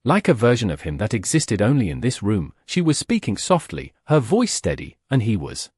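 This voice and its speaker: A man reading a first-person dark romance story in measured, soft-paced scripted narration. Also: medium pitch, wildly swooping pitch, breathy edge, no echo, clean studio sound.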